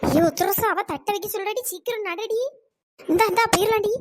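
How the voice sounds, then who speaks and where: A woman voicing a bunch of scheming village women customers in a cartoon, with a teasing, quarrelsome way of talking, her voice pitched up. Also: fairly quick, background noise. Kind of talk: cartoon voice acting.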